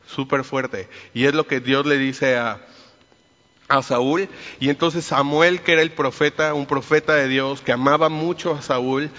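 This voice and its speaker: A man's voice: mid-range voice, steady tone, a little slow, fairly bright tone. Man, preacher, casual storytelling sermon, long hall reverb, muffled lo-fi recording. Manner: casual storytelling, retells scripture in everyday speech. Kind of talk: conversational sermon. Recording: reverberant hall, dull lo-fi sound.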